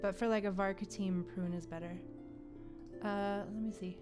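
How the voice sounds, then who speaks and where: A woman hosts a gaming livestream, playing a video game and chatting informally with viewers, now and then swearing. Her voice is medium-pitched and steady at a moderate pace, with game music in the background.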